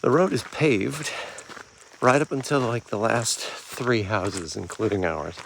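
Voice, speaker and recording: Relaxed man narrating his road trip to a handheld camera outdoors, with steady noise behind. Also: on the low side. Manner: relaxed, chatty, with fillers and trailing pauses. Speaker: car club member filming a road trip. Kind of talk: casual travel vlog narration. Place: outdoors at a rental house, rivers and waterfalls. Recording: outdoor camera audio with clear background noise.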